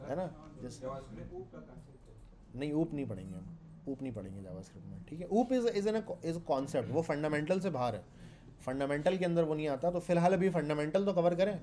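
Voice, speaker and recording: A man with a Pakistani Urdu accent lectures a class on programming, his voice pitched a little high yet dark and mellow in tone. He talks conversationally, asking his students questions and going back over each point. The delivery is that of a teacher in front of a live room. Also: slight background noise. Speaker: programming instructor.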